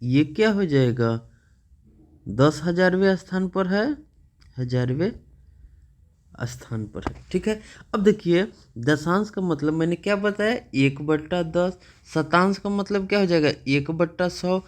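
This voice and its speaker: A male math teacher with a slightly high voice. He walks through a lesson patiently, asking questions and checking in with a frequent "okay". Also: lively intonation, unhurried.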